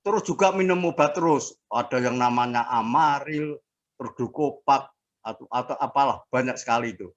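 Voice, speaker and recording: A man in his sixties giving a casual personal testimony as an interviewee, speaking haltingly with fillers and restarts. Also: medium pitch, dull audio. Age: 60s. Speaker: interviewee sharing a health testimony.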